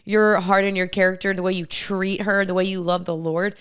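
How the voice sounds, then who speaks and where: Clear-voiced American woman giving confident, blunt advice. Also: mid-range voice, little pitch movement, a little fast. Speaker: co-host giving dating advice. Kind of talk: casual advice chat.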